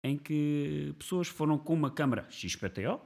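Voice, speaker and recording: A man's voice: on the high side, expressive, normal speed, creaky, a little mellow. A man with a European Portuguese accent chatting casually as a co-host, dropping English slang into his speech. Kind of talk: casual chat.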